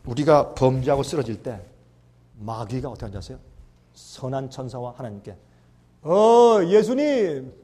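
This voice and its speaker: A man preaching a sermon with lots of energy, acting out voices and swinging between loud and hushed speech. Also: medium pitch, a little fast, husky. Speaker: pastor.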